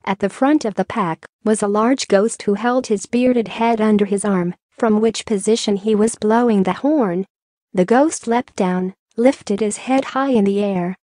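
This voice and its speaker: A woman reading an audiobook as narrator, in a steady storytelling manner. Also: mid-range voice, no echo, clean studio sound.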